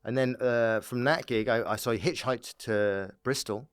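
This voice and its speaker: This Dorset-born stand-up, speaking with an English accent, is a podcast guest sharing anecdotes in a playful, casual conversation full of animated riffing and frequent laughter. He has a medium-pitched, clean voice at a moderate pace, captured in a dry, clean studio.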